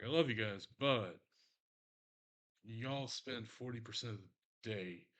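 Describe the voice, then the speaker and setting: A man with a Texan drawl talks through his handiwork in a loose, rambling way, swearing freely and mocking himself as he goes. His voice sits fairly low but comes across bright and forceful, with a casual streamer's ease. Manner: rambling, profane, self-mocking. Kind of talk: casual crafting stream chat.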